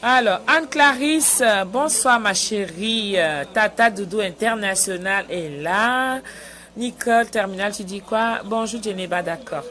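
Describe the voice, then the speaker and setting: A middle-aged woman from Cameroon hosting a casual live stream, chatting warmly with viewers and greeting them by name. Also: mid-range voice, a little slow. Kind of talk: casual live chat reading viewer comments.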